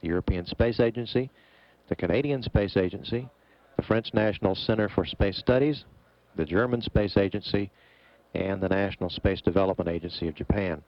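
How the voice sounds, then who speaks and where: Mission commentator, male, low gravelly voice, measured and formal, slightly dull feed. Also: no echo. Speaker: mission operations public affairs commentator. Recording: dull, muffled broadcast feed.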